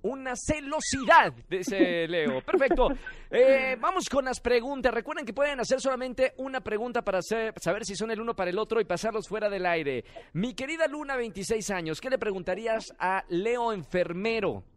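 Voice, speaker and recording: A man hosting a playful radio dating segment, teasing and excitable. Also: extremely high pitch, moderate pace. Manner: teasing, excitable, laughs often. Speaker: radio host. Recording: radio show with music bed.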